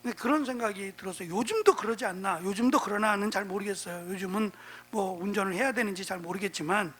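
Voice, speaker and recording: Male pastor, husky, conversational Bible-teaching sermon with rhetorical asides. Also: high voice, quick pace, a bit bright. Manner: conversational preaching with frequent rhetorical prompts.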